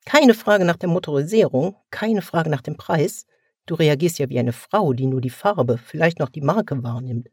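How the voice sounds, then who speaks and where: Man voicing a pushy older sister, mocking, reproachful, a little raised, husky edge. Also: a little high, animated, normal speed, a little mellow, no echo, studio quality. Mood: scornful.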